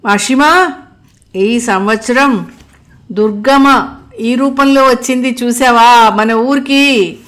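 A charming young man who speaks with gallant affection, voiced by a woman reading the story. There is no gruff put-on depth in the voice. It sounds like a storybook reading. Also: fairly high pitch, slow, long pauses, fairly bright tone, voice pushed up. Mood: cheerful.

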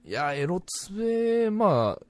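Man, Hakata accent, casual chat, very lively pitch, loud then mumbled. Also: takes it slowly. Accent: Hakata dialect. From Fukuoka, Japan. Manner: animated, swings between loud bursts and mumbled asides.

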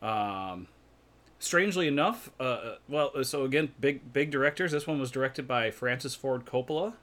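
A man hosting a casual podcast chat, often restarting words and filling pauses with uh, laughing easily. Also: mid-range voice, lively intonation, fairly bright tone. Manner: stammering restarts, frequent uh fillers, laughs easily. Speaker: podcast host.

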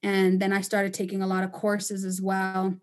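A woman's voice: medium pitch, monotone, normal speed. A woman from Panama and Costa Rica, a native Spanish speaker, talking candidly as an interview guest with frequent fillers. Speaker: construction company owner, guest. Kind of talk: casual interview.

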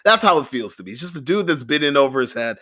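A young man co-hosting a casual podcast, animated and loose. His voice leaps up when he gets excited, and he leans on filler words as he talks. His speech stays relaxed and conversational throughout. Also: mid-range voice, fast. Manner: animated, laughing, filler-heavy. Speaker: podcast co-host.

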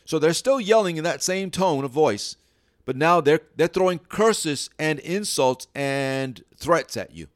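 A man's voice: a little high, animated, measured pace, dry recording. Guy dog trainer explaining stuff, chatty, restarts a lot, dry close sound. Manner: conversational, teaches through stories, frequent restarts. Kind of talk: informal teaching talk.

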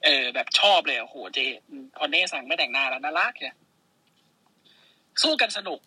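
A man tells wrestling results in a casual, excitable rush, swearing freely as he narrates the action blow by blow. His voice is very bright and somewhat husky, sitting a little high for a man. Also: moderate pace, dry recording, low-quality recording. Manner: excitable, swearing, play-by-play storytelling. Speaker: podcast co-host.

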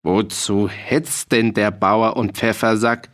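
A man's voice: fairly low pitch, little pitch movement, takes it slowly, fairly bright tone. Brief: male narrator as a haughty courtier, touchy and proud, quoting sayings. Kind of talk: audiobook reading.

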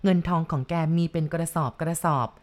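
Woman, horror novel narration, measured and dramatic, somewhat low voice. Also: steady tone. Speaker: storyteller.

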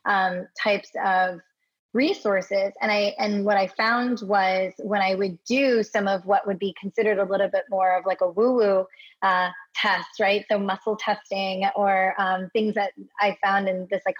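A woman's voice: mid-range voice, steady tone, a little slow. Chatty woman from Hawaii, lo-fi audio. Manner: chatty, tags points with "right?" and "you know". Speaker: podcast guest. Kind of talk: casual interview storytelling. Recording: dull lo-fi audio.

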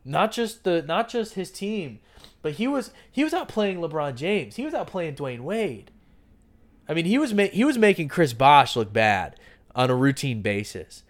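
A man's voice: a little high, very animated, normal speed. Opinionated man in casual sports talk. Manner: conversational, opinionated, frequent restarts. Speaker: podcast host.

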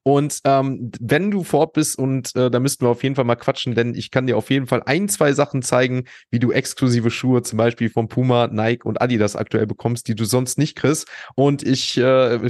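A man's voice: medium pitch, fairly even intonation, brisk, a little mellow. A man hosting a podcast interview who talks with enthusiasm in long, run-on sentences. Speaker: podcast host.

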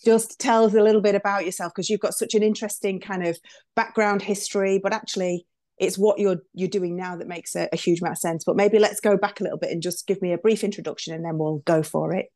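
A woman's voice: medium pitch, fairly even intonation, fast talker, darkish tone, dry recording, studio quality. Chatty, enthusiastic woman podcast host. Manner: enthusiastic, chatty, many fillers. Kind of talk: podcast intro and interview.

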